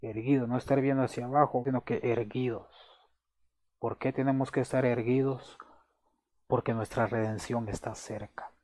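A man delivering a sermon in a dark, mellow voice. He speaks slowly and emphatically, repeating phrases for weight. The sound is dry and close. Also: medium pitch, fairly even intonation, no echo. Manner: prays aloud to close. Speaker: preacher.

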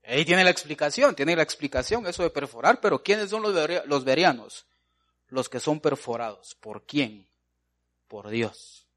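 A man's voice: on the high side, fairly bright tone. A man preaching a folksy sermon, calling listeners brother and answering his own questions.

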